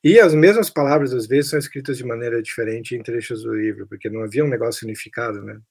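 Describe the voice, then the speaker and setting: On his podcast, this Brazilian-accented host talks about literature in a relaxed, reflective way, occasionally hesitating while he hunts for words. He speaks fast, in a husky, gravelly voice of medium pitch with a darkish tone.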